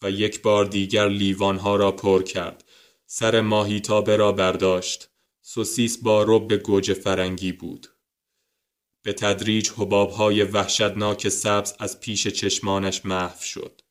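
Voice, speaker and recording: A man narrating a story in a calm, steady way. His voice sits low and smooth, and it stays level with little rise or fall. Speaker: audiobook narrator. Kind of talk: scripted narration.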